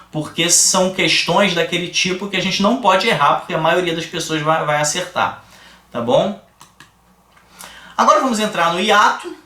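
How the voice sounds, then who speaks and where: A man with a Brazilian Portuguese accent teaching a grammar lesson, explaining slowly and asking the class rhetorical questions. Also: a little high, pushed and bright, far from the mic. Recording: echoey room, voice a bit off-mic.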